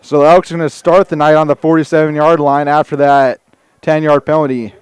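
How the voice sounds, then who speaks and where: Breathless high school football announcer. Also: male voice, flat delivery, brisk, clean tone, no room sound. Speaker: play-by-play announcer.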